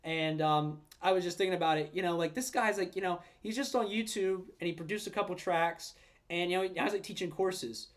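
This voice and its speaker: High-voiced young man rambling casually. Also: a little fast. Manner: rambling, full of "like" and restarts; swears freely. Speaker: podcast co-host. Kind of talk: casual chat.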